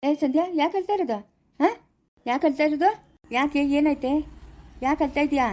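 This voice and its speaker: A woman playing a young husband who defends himself with rapid pleading explanations. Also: high-pitched, a little mellow, close to an everyday voice. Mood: defensive, reassuring. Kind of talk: amateur family drama acting.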